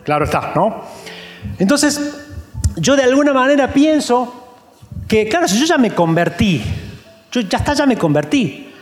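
A man with an Argentine accent preaches a sermon, joking and acting out the voices of people he quotes. His voice sits high and swings widely in pitch. It rings with long hall reverb over faint music. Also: very animated, unhurried, pauses often. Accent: Argentine Spanish. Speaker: pastor.

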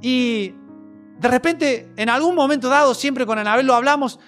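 A man's voice: very high voice, moderate pace, a bit bright, soft background music. A man with a Rioplatense Spanish accent preaching a sermon in an earnest, repetitive, story-driven way.

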